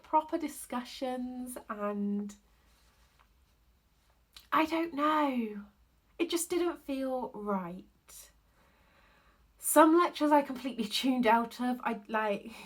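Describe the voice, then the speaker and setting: A woman's voice: fairly high pitch, a bit bright. A young woman, talking candidly to camera about her university year and laughing often between thoughts. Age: 20s. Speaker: university student vlogger. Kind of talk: casual talking-to-camera vlog. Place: home basement.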